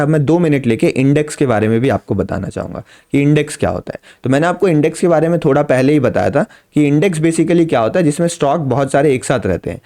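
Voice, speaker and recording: A man's voice: medium pitch, warm tone. A man teaching beginners, explaining patiently and repeating his points with simple everyday examples. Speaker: trading teacher. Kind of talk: explanatory lesson to camera.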